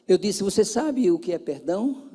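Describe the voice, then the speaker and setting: Man, Brazilian Portuguese accent, pastor, sermon, storytelling, repeats for emphasis, high-pitched. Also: moderate pace. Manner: animated, acts out dialogue, repeats for emphasis.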